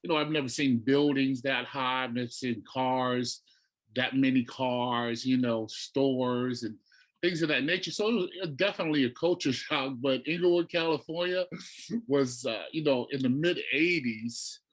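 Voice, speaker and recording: A middle-aged man from Tonga, a guest telling his life story in a relaxed, reflective way, full of "you know" and restarts. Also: medium pitch, moderate pace, poor audio. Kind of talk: casual storytelling interview.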